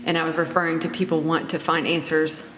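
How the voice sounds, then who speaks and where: Lowish-voiced woman in an echoey room. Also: flat delivery, brisk. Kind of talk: conversational religious talk. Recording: echoey room, long reverb, faint noise.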